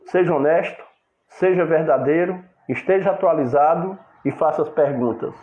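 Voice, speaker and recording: A man preaching a sermon in a steady, instructive way. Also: a little high, normal speed. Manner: preachy, acts out couple's quarrels in quoted voices. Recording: echoey room over a tinny phone-like line.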